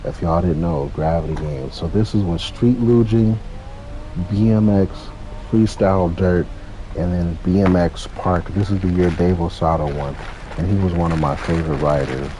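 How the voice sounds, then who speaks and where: This man in his 30s, from California, spins casual, rambling tales full of slang and the odd curse. He speaks at normal speed in a low-pitched, dark-toned voice, over the noisy sound of racing game car engines.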